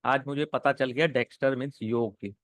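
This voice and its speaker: A man's voice: medium pitch, fairly even intonation, brisk, a bit bright, no echo. A man teaching an English vocabulary lesson, spelling words letter by letter and often saying "okay" between them.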